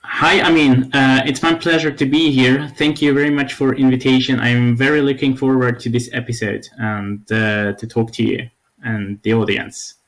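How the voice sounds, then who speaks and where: A young man from Slovakia, a podcast guest, answering questions in a halting way with many fillers. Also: medium pitch, level tone, low-quality recording. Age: young adult. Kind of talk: casual interview talk.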